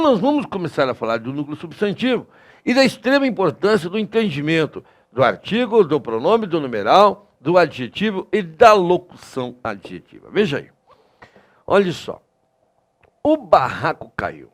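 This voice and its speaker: Lively, emphatic male grammar teacher. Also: on the high side. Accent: Brazilian Portuguese. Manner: lively, emphatic, addresses students with many tag questions. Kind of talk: recorded online lesson.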